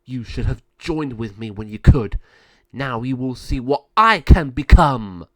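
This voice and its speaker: A man's voice: medium pitch, expressive, unhurried, fairly bright tone, no echo. Man playing a drawling, taunting villainous sorceress. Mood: menacing. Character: villainous gloating sorceress sister, later giant raven.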